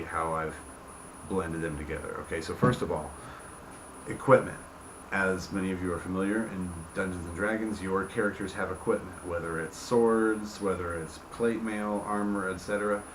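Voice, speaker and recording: A low-voiced man hosts and explains the rules of his game informally, at normal speed with fairly even intonation. He keeps checking in with the listener through "okay," "right," and "you see what I'm saying," recorded with roomy echo and clear background noise.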